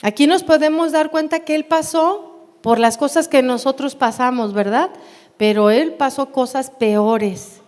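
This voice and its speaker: Mexican spanish lady teaching bible class, high voice, long echo in a church hall. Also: darkish tone. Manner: unhurried, asks the class questions.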